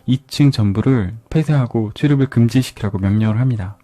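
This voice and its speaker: A man voicing a gruff middle-aged male police chief who barks orders in a retold story. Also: medium pitch, brisk, mellow, close to an everyday voice. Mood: commanding. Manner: barking orders.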